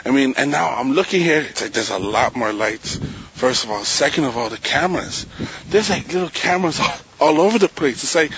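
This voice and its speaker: A man's voice: fairly high pitch, slightly rough. Slangy man walking city streets. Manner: relaxed, slangy, reflective. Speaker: host walking a neighborhood. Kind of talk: casual walking commentary. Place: outdoors on city streets at night. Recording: dull, muffled street recording.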